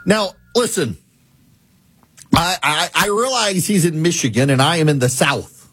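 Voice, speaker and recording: A man's voice: fairly high pitch, unhurried, music in the background. A middle-aged man from the American South hosting a talk radio show, folksy and sarcastic.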